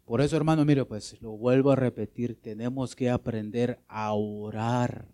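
A man's voice: medium pitch, steady tone, normal speed. A man preaching a sermon, asking rhetorical questions and calling his listeners brother. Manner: emphatic preaching with sudden swings in loudness, rhetorical questions; keeps addressing listeners as brother.

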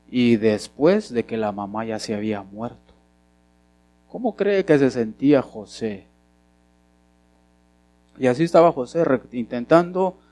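A pastor preaches at a mid pitch, often posing questions to the congregation and swinging between loud and soft as he builds his points. The recording has no echo.

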